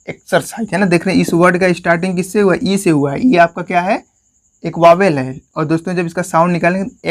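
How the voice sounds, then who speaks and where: A man from India with a Hindi accent and a voice on the high side teaches English grammar in a classroom-style lesson. He often addresses his listeners as friends and poses questions he then answers himself.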